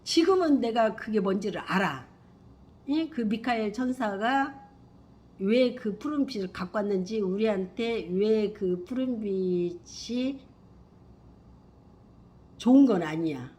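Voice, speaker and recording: A middle-aged woman telling a personal spiritual story in a rambling, emphatic way, swinging from hushed to loud. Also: mid-range voice, expressive, takes it slowly, pauses often. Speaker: spiritual vlogger.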